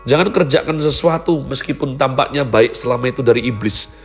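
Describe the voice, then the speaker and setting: A man preaching a sermon in an animated way, acting out quoted voices. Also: medium pitch, a little fast, breathy edge, soft background music. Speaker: pastor.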